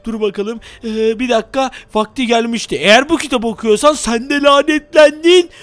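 A man's voice: very high-pitched, moderate pace, a bit bright, no echo. A young man hosting a game video, narrating with dramatic, easily frightened reactions. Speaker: gaming video host. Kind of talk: excited game commentary.

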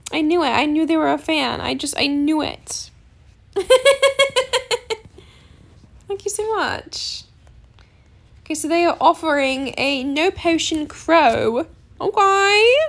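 A woman's voice: sits high, creaky, a bit bright. A woman hosting a gaming channel, chatting casually over her gameplay in a bubbly, giggly way and playing up small setbacks with mock melodrama. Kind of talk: casual game commentary.

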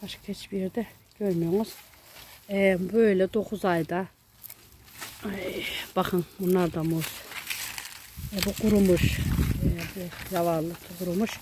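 Her voice is fairly low, warm and steady, and she takes her time, leaving long pauses. She's a mother and vlogger giving a casual tour of her outdoor country garden near a mountain, talking to her viewers and young daughter while holding the camera. A little hiss or hum can be heard.

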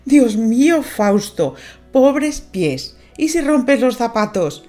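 A woman's voice: fairly high pitch, very animated, moderate pace, warm tone, faint music behind, voice pushed up. A woman voicing a playful, coquettish young girl in a storybook, sweet and mocking. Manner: sweet, mocking, sobbing by turns.

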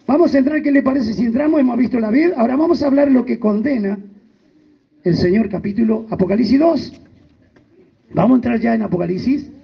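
High gravelly preaching man. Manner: emphatic preaching with sudden rises and drops. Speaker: pastor. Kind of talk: sermon. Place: church. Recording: muffled lo-fi church recording.

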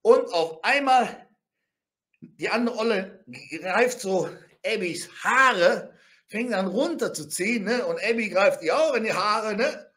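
Male storyteller, high and highly animated, blunt, slangy, punctuates with sound effects. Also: measured pace. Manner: animated and blunt, crude slang, constant tag questions, vocal sound effects. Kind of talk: casual spoken anecdote.

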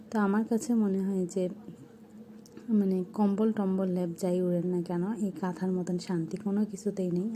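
Soft-spoken woman with a mellow voice. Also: lowish voice, slight background noise. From Bangladesh. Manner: soft, hushed talk so a sleeping child stays asleep. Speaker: vlogger. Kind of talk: voice-over narration of a home vlog.

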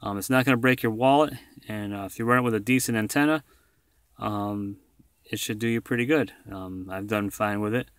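In a casual product showcase vlog, an American former truck driver rambles in a self-deprecating way while showing off his gear, first inside a parked vehicle and later outdoors beside it. His voice sits fairly low and moves fairly quickly, with a clean tone and no room sound.

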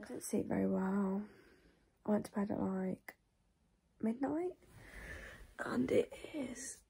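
A young woman vlogging casually at home, chatty and rambling, poking fun at herself and dropping into soft whispery asides. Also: medium pitch, gravelly, husky. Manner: chatty, rambling, self-mocking. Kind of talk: casual vlog chat.

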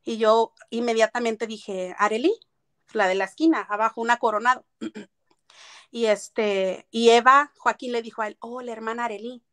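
A woman's voice: on the high side, normal speed, a bit bright, clean tone. A woman giving a personal testimony in an interview, telling her story earnestly and slipping into English phrases. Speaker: interviewee recounting her past.

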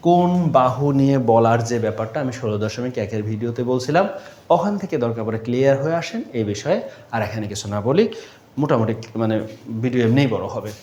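A man's voice: mid-range voice, expressive, fast, a little mellow, roomy sound, highs cut off. A man teaching a math lesson patiently, repeating key terms and asking questions before he answers them. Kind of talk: classroom-style math lesson.

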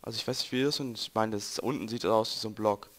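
It's a noisy home recording of a young let's play gamer with a German accent, chatting and cracking jokes for viewers during casual gameplay commentary. His lowish voice is fast and fairly bright, with fairly even intonation.

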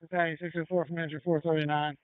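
A man's voice: fairly high pitch, level tone, quick pace, no echo. A man, a firefighter, making reports to command over a crackly emergency radio. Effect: crackly two-way radio. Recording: phone-like crackly radio scanner audio.

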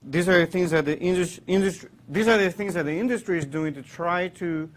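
A man's voice: high-pitched, fairly quick. A man from Puerto Rico, in his thirties, giving a classroom engineering lecture, explaining with many fillers and restarts. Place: lecture hall.

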